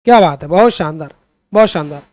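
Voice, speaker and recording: A man's voice: fairly high pitch, lively intonation, fast talker, darkish tone, no room sound. A young man teaching a Hindi exam-prep class online. He keeps repeating the questions, calls his students friends and children, and pushes them to answer, sometimes drifting into fervent remarks on society. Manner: digresses into impassioned social commentary.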